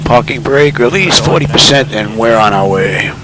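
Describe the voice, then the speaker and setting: A man's voice: medium pitch, animated, normal speed. A man giving casual flight simulator commentary, mixed with pilot radio phraseology and procedural callouts. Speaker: flight simulator streamer playing airline pilot. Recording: loud cockpit and engine noise. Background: simulated airliner cockpit drone.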